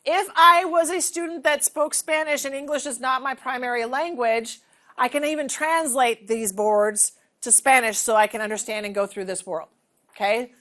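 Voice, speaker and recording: This teacher trainer, a woman in her forties, conducts a hands-on demonstration in a large training room, asking questions and checking in with "okay?". She talks at a normal speed in a high, fairly bright voice.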